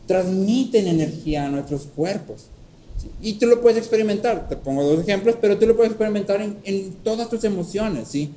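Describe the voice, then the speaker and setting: A man preaching a sermon, teaching step by step and often checking in with a quick "¿sí?", and acting out a story with lively voices. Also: high voice, rough recording. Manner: checks in with frequent "¿sí?". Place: church hall.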